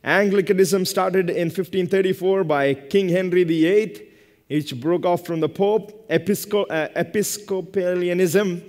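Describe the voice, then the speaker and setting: This pastor, in his thirties, preaches from the pulpit of an indoor church, leaning on short phrases he repeats for emphasis. His high, darkish voice has fairly even intonation and a slightly slow pace, carried by long hall reverb from the lectern.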